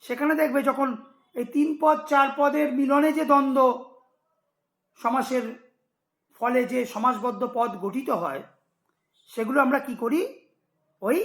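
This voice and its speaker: A man's voice: extremely high pitch, fairly bright tone. A man teaching a grammar lesson to school students, explaining patiently, repeating examples and checking if they follow.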